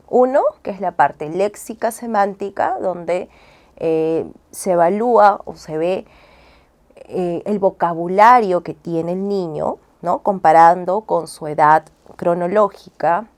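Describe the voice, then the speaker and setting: A woman speech and language therapist, appearing as an interview guest, explains things patiently like a teacher, often checking in with short tag questions. Her voice is low and darkish, and now and then she sounds out syllable drills as she would for a child.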